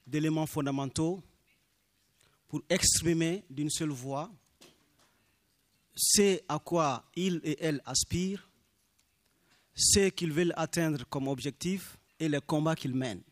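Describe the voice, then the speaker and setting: A slightly high-voiced man, a native Minyanka speaker, gives an earnest formal speech on behalf of a small farmers' movement. He speaks deliberately, leaning on key phrases, and the recording is dry.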